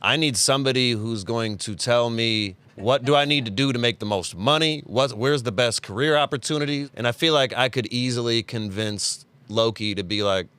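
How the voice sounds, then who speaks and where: A man's voice: medium pitch, normal speed, hardly any pauses, sharp tone, smooth. A man on a casual fan podcast, earnestly explaining his reasoning at length. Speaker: podcast panelist. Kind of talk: casual chat.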